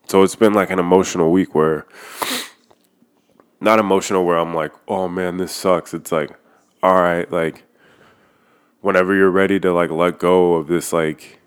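A man's voice: deep voice, fairly even intonation, moderate pace, pauses often, clean tone. A man talking casually and candidly about his feelings, filling his speech with "like" and swearing freely. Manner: loose and candid, heavy use of "like", swears freely. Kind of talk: casual personal chat.

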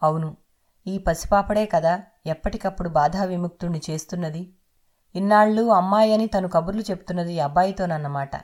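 A woman narrating an audio novel in a steady, literary storytelling manner. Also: on the low side, brisk.

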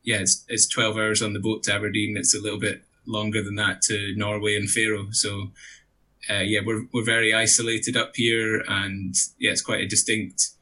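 Bright-voiced man with a Shetland accent. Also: lowish voice, completely flat delivery, normal speed. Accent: Shetland Scottish. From Shetland, Scotland. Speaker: interview guest, election candidate. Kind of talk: relaxed conversational interview answers.

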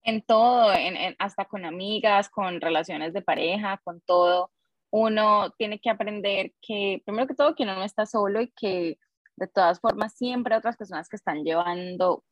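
A woman's voice: medium pitch, normal speed, no room sound, highs cut off. Friendly woman explaining, dry sound. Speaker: podcast co-host. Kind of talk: casual podcast chat.

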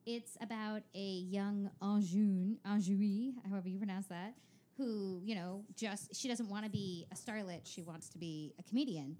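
Woman, medium pitch, podcast co-host, casual chat, talkative, informal. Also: moderate pace, warm tone.

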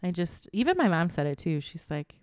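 A woman's voice: on the low side, big pitch swings, a little fast, a little mellow, clear, resonant tone, dry recording. A woman in her forties co-hosting a podcast from a home dining room studio, chatty and laughing often as she tells stories. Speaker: podcast co-host. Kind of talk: casual chat.

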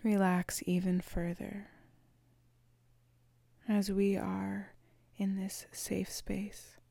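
A woman leads a guided meditation, drawing out each phrase very slowly and often sinking into a whisper. Her voice is mellow and a little gravelly, and she keeps it level with little rise and fall. The recording is close and dry. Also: mid-range voice, completely flat delivery, no room sound. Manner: slow, soft and soothing, often whispered.

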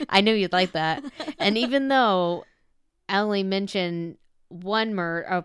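A young woman with a light Southern accent, hosting a casual chat with quick asides and frequent laughs. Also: medium pitch, clean tone, dry recording, studio quality.

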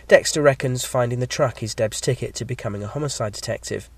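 A podcast host with a slight cold speaks in a croaky, medium-pitched voice as he reads a measured, scripted episode review. There's no echo on the recording.

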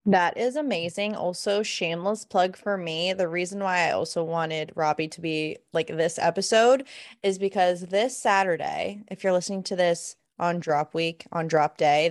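A young woman hosts a casual podcast chat, speaking in a slightly low voice. She is playful and loose, dropping casual slang as she talks. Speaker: podcast host. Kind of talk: casual interview conversation.

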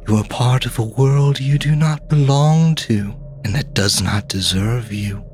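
A man voicing a mysterious cloaked spirit woman who speaks in a dreamy, hushed, slow voice. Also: mid-range voice, faint music behind, voice pushed up, close to an everyday voice. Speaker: game master.

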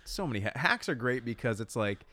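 A man's voice: mid-range voice, sing-song, fairly quick, pushed and bright, no echo. A man in his thirties chatting casually as a podcast co-host, rambling and joking crudely with lots of restarts. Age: 30s. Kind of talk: casual chat.

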